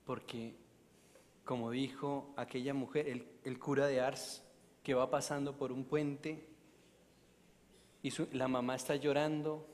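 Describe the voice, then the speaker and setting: Lay speaker, male, storytelling mission talk, moves from loud to hushed; church reverb. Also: medium pitch, unhurried, long pauses. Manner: animated, swings from loud to hushed. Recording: long church reverb, faint noise.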